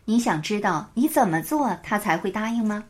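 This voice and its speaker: A woman voicing a kind, gently smiling woman teacher who asks patient questions. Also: mid-range voice, animated, moderate pace, lightly acted. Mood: gentle.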